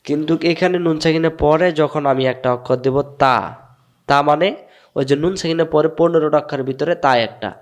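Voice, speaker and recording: A man's voice: fairly high pitch, steady tone. Patient man teaching Quran pronunciation. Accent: Bangladeshi Bengali. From Bangladesh. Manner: repeats sounds slowly, asks and answers his own questions. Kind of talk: patient step-by-step lesson.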